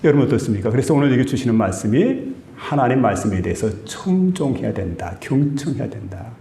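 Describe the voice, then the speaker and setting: A pastor with a Gyeongsang Korean accent preaching a sermon in a church, telling stories and asking the congregation questions. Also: male voice, medium pitch, animated, fairly quick, creaky, dark tone, slight background noise. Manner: storytelling with quoted voices, asks the congregation questions. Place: church sanctuary. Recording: echoey church room.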